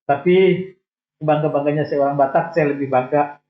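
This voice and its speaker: Telling his life story as a casual interview guest, this Indonesian man in his sixties keeps things loose and self-mocking at a normal speed. His voice sits somewhat high for a man and comes across tinny and phone-like in an echoey space.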